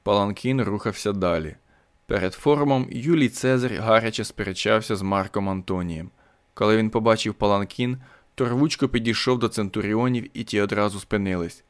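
A man narrating a science fiction story as an audiobook in a steady, even manner. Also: lowish voice, brisk, clean tone.

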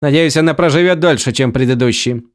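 Мужчина-чтец озвучивает коренастую властную женщину-наёмницу, говорящую резко и ворчливо. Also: male voice, mid-range voice, fairly quick, dry recording, studio quality, close to an everyday voice. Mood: brusque. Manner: blunt, gruff, grumbling. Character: stocky brusque woman mercenary, bossy.

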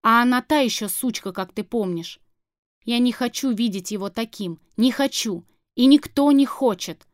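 A woman's voice: fairly high pitch, moderate pace, no room sound, clean studio sound, lightly acted. A woman reading as a blunt, grim man. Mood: bitter. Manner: flat, firm and blunt. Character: grim stubborn shaven-headed man, blunt and insistent. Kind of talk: audiobook character reading.

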